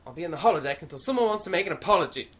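A woman's voice: lowish voice, expressive, rapid-fire, a bit bright, slight background noise. A woman playing a vain, boastful male commander of a space station in an audio comedy. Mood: smug. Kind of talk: comic radio-play acting.

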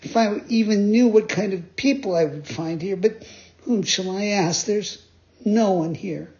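A man voicing a frightened, eager wooden puppet boy in a high, excited, pleading voice. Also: a little slow. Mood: lonely. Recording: dull lo-fi sound.

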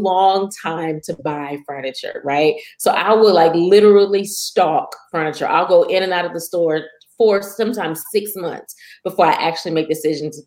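Earnest storytelling woman in a roomy space. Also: sits low. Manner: earnest testimony with animated retelling. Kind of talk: conversational faith talk with storytelling.

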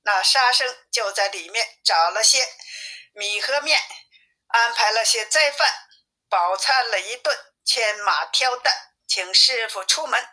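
A woman reading a classic tale aloud as a storyteller, in a plain, even manner. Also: fairly high pitch, measured pace.

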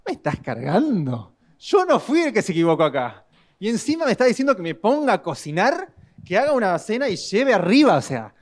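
A young man with a Rioplatense Spanish accent preaching a sermon, telling stories dramatically and swinging between loud and hushed delivery. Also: sits high, very animated, a little fast. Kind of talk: sermon with storytelling.

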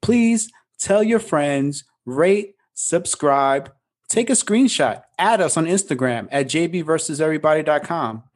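Male podcast host, slightly high pitch, playful and irreverent, dry recording. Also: animated, unhurried, dry recording. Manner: playful, joking, swears, mock radio voice. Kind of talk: casual podcast chat.

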